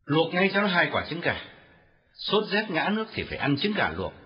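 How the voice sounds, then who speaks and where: A man voicing a stern, angry older father who barks gruff commands, in an audiobook. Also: fairly high pitch, huge pitch swings, normal speed, pitched above the performer's own voice. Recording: dull lo-fi recording.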